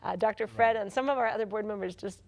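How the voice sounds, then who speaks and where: A woman's voice: mid-range voice, quick pace. A woman who founded a ministry, a guest in a television interview, explaining its work earnestly and laughing easily.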